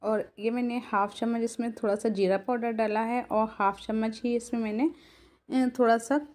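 Flat-toned woman explaining a home recipe. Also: on the high side, normal speed. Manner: steady, explaining each step to viewers. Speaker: cooking channel host. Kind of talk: casual cooking voice-over. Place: home kitchen.

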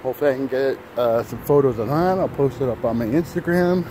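A man's voice: medium pitch, quick pace. Rambling man vlogging on a city street. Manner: rambling, chatty, lots of fillers and restarts. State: slightly out of breath from walking. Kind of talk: casual walking vlog. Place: city street outdoors in early morning. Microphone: phone held at arm's length. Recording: phone audio with street noise. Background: traffic and city noise.

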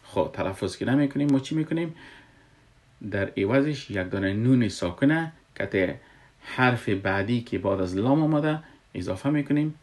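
A man's voice: medium pitch, lively intonation, darkish tone. A man teaching recitation rules patiently, repeating himself and asking rhetorical questions. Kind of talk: explaining a lesson.

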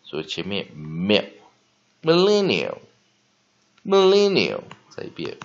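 A man teaching spelling and pronunciation, dotting his speech with "ah" and "ha" and slowly drawing out words to model them. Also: fairly low pitch, wildly swooping pitch, creaky, breathy edge. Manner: frequent "ah" and "ha" fillers, slow drawn-out modeling of words. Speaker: English teacher. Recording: dull lo-fi recording.

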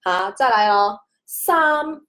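A woman's voice: mid-range voice, animated, normal speed. Chatty woman teaching spoken tones. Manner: draws out single syllables to show rising and falling tones; chatty, peppers talk with "OK". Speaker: host and language teacher. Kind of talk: casual spoken lesson.

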